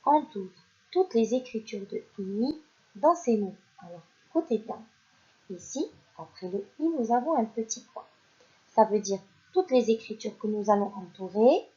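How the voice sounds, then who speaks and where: A woman teacher leads young children through a phonics lesson, speaking slowly and clearly and praising them often. Her voice sits a little high. The recording is dull and lo-fi. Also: warm tone. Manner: slow, clear, encouraging teacher talk, praising unseen pupils. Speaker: primary school teacher.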